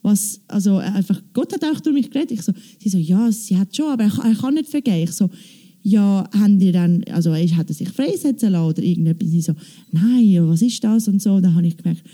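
Lively woman telling a testimony. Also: mid-range voice, quick pace. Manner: animated storytelling, quoting with "ich so, sie so". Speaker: church member giving testimony. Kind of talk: testimony on stage.

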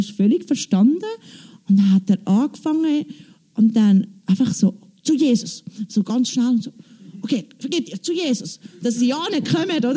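Woman on stage, dark mellow voice, chatty testimony full of quoted dialogue. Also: sits high. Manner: animated storytelling, quoting with "ich so, sie so". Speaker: church member giving testimony.

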